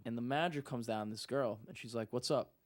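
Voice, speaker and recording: A man's voice: medium pitch, fairly quick. A young man telling a story in casual talk, acting out what people said. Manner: animated, acts out quotes. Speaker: guest.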